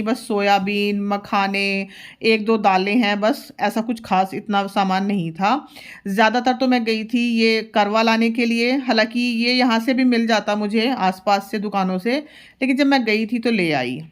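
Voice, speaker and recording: A woman's voice: mid-range voice, clear, resonant tone. A woman in her thirties, a mother, chatting casually through a home vlog and explaining each step. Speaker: vlogger, mother.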